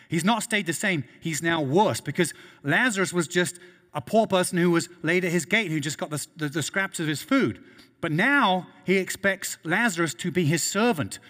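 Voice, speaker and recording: A man's voice: sits high, fairly bright tone, big-room sound. A man preaching a sermon as a pastor, earnest and emphatic, often repeating words as he builds each point.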